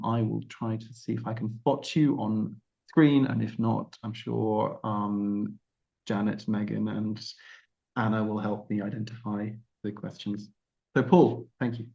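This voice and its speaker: A man's voice: on the low side, little pitch movement, measured pace, vocal fry, dark tone, lo-fi sound. A man chairing a conference, introducing the next speaker politely with frequent ums.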